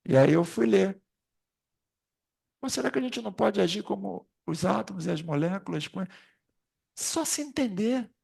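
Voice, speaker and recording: A man's voice: high-pitched, moderate pace, creaky, long pauses, darkish tone, breathy edge. A man leading an informal spiritist study class, rambling through anecdotes and speaking straight to the group. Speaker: class facilitator.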